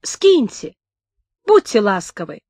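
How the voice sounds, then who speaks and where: A woman's voice: mid-range voice, big pitch swings, takes it slowly, a little mellow, no room sound. A woman voicing a stubborn, cunning old village man who grumbles and quarrels in rustic speech in an audiobook. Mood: quarrelsome.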